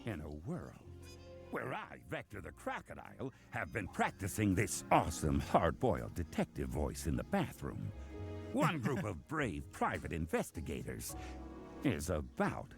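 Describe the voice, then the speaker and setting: Gravelly hard-boiled crocodile detective. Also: male voice, low voice, huge pitch swings, a little slow, music in the background, heavily acted. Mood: brooding, grandiose. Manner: theatrical, self-important, melodramatic. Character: gruff male crocalike detective, hard-boiled, self-important, hard-working. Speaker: narrator. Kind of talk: hard-boiled detective narration in audio drama.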